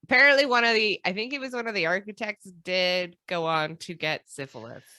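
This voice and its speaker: A woman's voice: mid-range voice, expressive, a little fast, pushed and bright, no echo. A woman co-hosting a podcast in casual chat, telling stories with lots of fillers and laughter. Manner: playful storytelling with frequent fillers and laughs. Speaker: podcast co-host.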